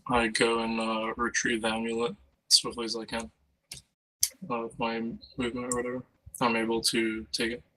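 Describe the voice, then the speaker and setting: A man playing a tabletop game who states his character's actions in a quick, matter-of-fact way. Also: mid-range voice, completely flat delivery, bright, forceful tone, rough recording. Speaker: player.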